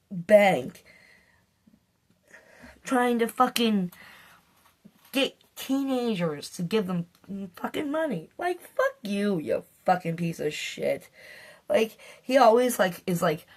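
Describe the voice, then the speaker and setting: A woman's voice: medium pitch, expressive, slow pace, long pauses, a little mellow. A middle-aged woman vlogging a casual rant to camera, swearing heatedly and rambling with fillers and restarts. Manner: profane, heated ranting.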